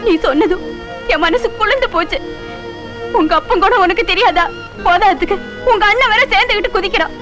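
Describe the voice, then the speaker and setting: A woman's voice: very high voice, brisk, pauses often, music in the background. An actress playing an anxious, middle-aged village mother, scolding her daughter and placating guests in a 1980s Tamil film drama.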